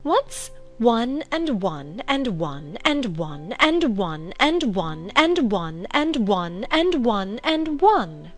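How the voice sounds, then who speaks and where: A woman's voice: a little high, big pitch swings, slow, few pauses, faint music behind, exaggerated voice. A woman playing a feeble, plaintive, dithery queen in a dramatized storybook.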